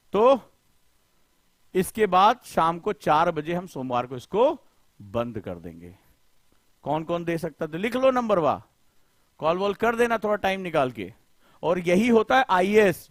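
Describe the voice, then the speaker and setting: Coaching teacher guy, high voice, fired up, asks students question after question, dry close sound. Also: dry recording. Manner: impassioned, rhetorical questioning; colloquial, addresses students directly. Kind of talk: live online lecture.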